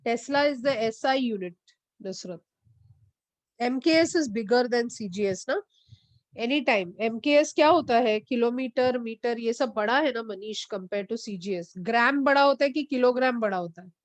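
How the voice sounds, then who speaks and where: A woman's voice: a little high, slow, dry recording. A woman teaching a physics class online, switching between English and Hindi and calling on students by name to answer.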